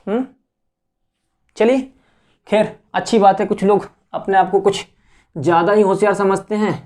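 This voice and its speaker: A man's voice: sits high, fairly even intonation, moderate pace, darkish tone. A man runs an online exam-prep lecture. He quizzes his listeners with rhetorical questions and answers each one himself. He repeats key terms and scolds the class bluntly. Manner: repeats key words often. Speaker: exam coaching teacher.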